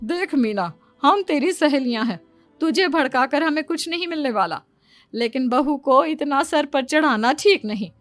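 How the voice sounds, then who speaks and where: A woman's voice: sits high, expressive, moderate pace, dry recording, soft background music. A woman playing a meddling, judgmental middle-aged neighbour in a cartoon moral story. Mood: disapproving.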